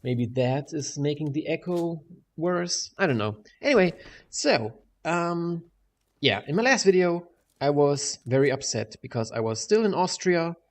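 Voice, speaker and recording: A video creator with a German accent gives a casual, rambling, hesitant update over game footage, swearing casually. His slightly high voice has lively intonation and a somewhat slow pace. He's in a big echoey room at home, with clear background noise.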